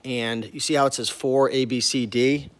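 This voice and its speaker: A man's voice: mid-range voice, fairly even intonation, normal speed. An American man talking informally and directly to viewers in a casual walk-through vlog, as a business owner showing his workplace. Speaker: online reseller and business owner hosting a warehouse tour.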